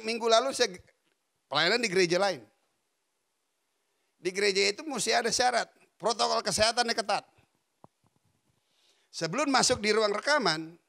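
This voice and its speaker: Male pastor, high lively gravelly voice, dry sound, animated sermon storyteller. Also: no echo. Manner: animated storytelling preacher, laughing often.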